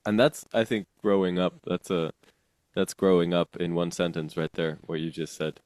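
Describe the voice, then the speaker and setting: A man's voice: deep voice, steady tone, normal speed, a little mellow, no echo. A man hosting a podcast, chatting casually and searching aloud for his words. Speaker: podcast host.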